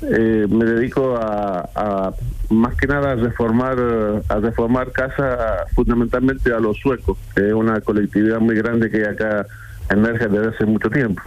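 A man in his sixties with an Argentine accent, a builder calling into a radio show, friendly and talkative with halting restarts. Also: fairly low pitch, fairly even intonation, low-quality recording. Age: 60s. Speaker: caller, builder. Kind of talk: phone-in conversation.

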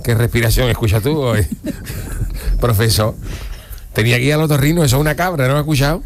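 A man's voice: mid-range voice, fairly even intonation, quick pace, slight background noise, close to an everyday voice. A man playing a cheeky, unflappable joker with a Cádiz Andalusian accent and colloquial banter in an improvised comic role-play. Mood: unimpressed banter. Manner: colloquial, bantering, brashly unimpressed.

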